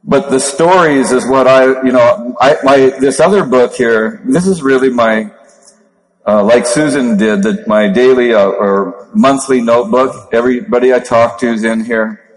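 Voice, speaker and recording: A man in his fifties with a Minnesota accent, giving a motivational seminar talk as a network marketing trainer in a monotone voice. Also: mid-range voice, normal speed. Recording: long hall reverb.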